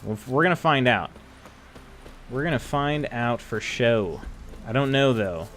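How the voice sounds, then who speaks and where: A man's voice: mid-range voice, animated, unhurried, a bit bright. A man casually commenting while playing a game on stream, in a laid-back, chuckling manner.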